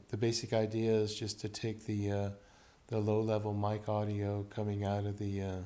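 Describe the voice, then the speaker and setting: An electronics hobbyist demonstrates equipment in an unscripted technical demo, speaking haltingly and improvising from phrase to phrase. His voice is fairly low and very even, and the recording is roomy, echoing and dull-sounding.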